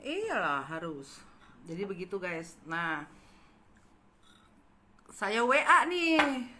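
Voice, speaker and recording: A woman telling a gossipy story to her viewers, animated and dramatic, acting out the quotes. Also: medium pitch, drawn-out words, slight background noise. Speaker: channel host telling a story.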